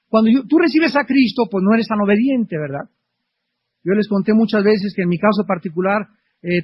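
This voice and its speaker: A middle-aged male preacher delivering a fervent sermon full of rhetorical questions, swinging between loud and soft. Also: sits high, breathy edge. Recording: dull lo-fi archive recording.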